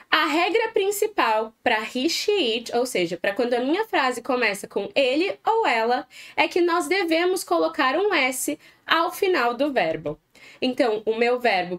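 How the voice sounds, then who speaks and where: A woman with a Brazilian Portuguese accent teaching an exam-prep English video lesson, asking students to repeat examples spoken slowly. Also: high voice.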